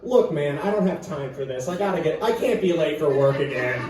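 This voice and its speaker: A man voicing a weary young male hostage who mutters dismissively and flatly. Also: high-pitched, slow pace, crowd noise. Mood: apathetic. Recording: echoey room from far off. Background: audience laughing.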